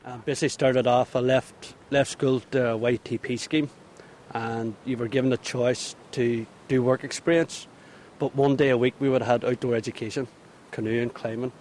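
A man's voice: medium pitch, steady tone, normal speed, a little mellow, a little hiss or hum. A man in his forties with a Northern Irish accent, an outdoor education instructor telling jokey stories in a casual interview. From Northern Ireland. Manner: chatty, jokey storyteller, acts out voices. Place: outdoors at an activity centre.

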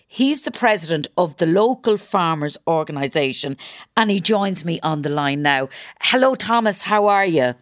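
A woman's voice: on the low side, animated, moderate pace, no room sound, clean studio sound. An Irish woman presenting on radio and interviewing in a conversational, engaged way. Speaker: radio host. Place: radio studio.

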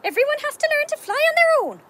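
A man voicing a fussy little male finch father who gives his chicks a brisk flying lesson in a cartoon. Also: very high-pitched, sing-song, pushed and bright, slight background noise, pitched above the performer's own voice, heavily acted. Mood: instructive. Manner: brisk chirpy safety lecture.

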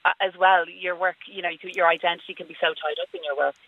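An actress from Dublin, Ireland, with a Dublin accent, calls in to a radio show for a casual phone interview over a tinny phone line. Her voice is on the low side and steady, and she talks fast, chatty and rambling, with many fillers and no echo.

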